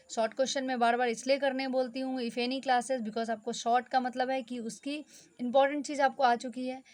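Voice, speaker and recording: A woman teacher giving a brisk, exam-focused lesson, slipping English terms into her instructions. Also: fairly high pitch.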